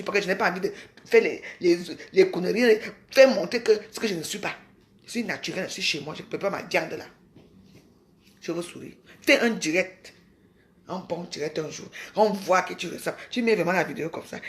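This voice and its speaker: A woman ranting at home to her viewers, heated and taunting, firing off repeated rhetorical questions. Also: on the low side. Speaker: social media personality ranting on a live video. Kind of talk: angry direct-to-camera rant.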